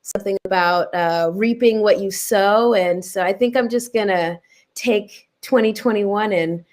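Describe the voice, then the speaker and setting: A woman's voice: medium pitch, measured pace, darkish tone. A woman playing as a contestant in a comedy game over a video call, playful and laughing. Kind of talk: casual comedy banter.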